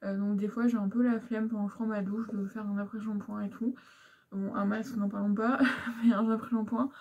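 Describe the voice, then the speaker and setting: Chatty young woman with a gravelly voice. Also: medium pitch, level tone, a little fast, darkish tone. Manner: chatty, frank, lots of fillers and asides. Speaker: beauty vlogger. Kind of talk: casual product review chat.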